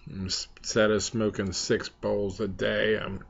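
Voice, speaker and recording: A man hosting a casual, rambling chat for viewers, speaking in a halting, hesitant way with long pauses, on a slightly dull recording. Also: fairly low pitch, little pitch movement, gravelly, husky. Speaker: host of a pipe smoking chat vlog.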